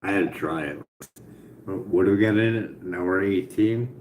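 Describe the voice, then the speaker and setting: A man with speech slurred by missing teeth, rambling casually and repetitively with some swearing, as if thinking out loud. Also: low-pitched, moderate pace. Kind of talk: casual spoken brainstorming to an AI chat. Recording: roomy echo, faint background noise.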